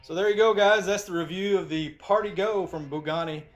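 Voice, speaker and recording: A man's voice: high voice, fairly even intonation, a little fast, faint music behind. A man giving a casual, rambling product review as the channel's host, often restarting his sentences. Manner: chatty and rambling, with frequent restarts.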